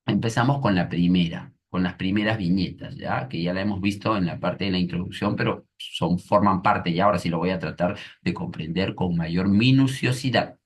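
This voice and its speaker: A man's voice: low voice, normal speed, few pauses, slightly rough. A man teaching an online lesson, reading a comic aloud and explaining it step by step with frequent tag questions.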